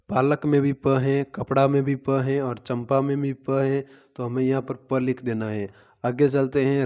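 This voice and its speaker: Man, teacher, worksheet lesson, patient, repetitive, flat monotone delivery. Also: mid-range voice. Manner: patient, repetitive, asks and answers own questions.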